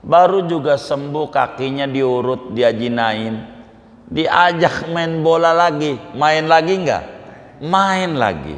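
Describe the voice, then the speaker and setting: A man preaching a sermon in a lively, conversational manner, his voice swinging between loud rises and soft drops. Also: a little high, takes it slowly. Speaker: Islamic preacher. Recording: long hall reverb.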